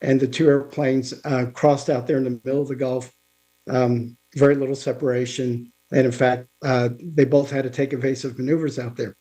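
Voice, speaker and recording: A man giving an informal technical talk over a remote call, halting, with many restarts and fillers. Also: medium pitch, flat delivery, dark tone. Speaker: guest speaker on aviation technology. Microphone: remote video call.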